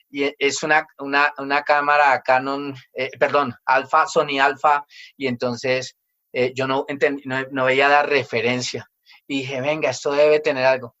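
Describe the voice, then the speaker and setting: A male pastor in his forties delivers a sermon with emphatic conviction. His voice sits in a middle pitch and comes through a slightly dull, lo-fi recording. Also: sharp tone. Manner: emphatic, acts out children's complaints in quoted voices.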